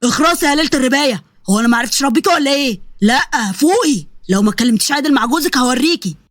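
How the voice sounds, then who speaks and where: A woman's voice: high voice, lively intonation, rapid-fire, dry recording, clean studio sound. A woman voicing a stern, scolding older father with an Egyptian accent in a story. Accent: Egyptian Arabic. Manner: scolding, authoritative.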